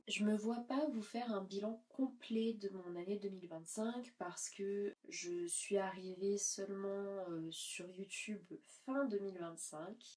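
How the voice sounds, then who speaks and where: A woman's voice: medium pitch, warm tone, far from the mic. Nasal, congested woman book vlogger chatting casually to camera, a little off-mic. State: stuffy nose from a cold.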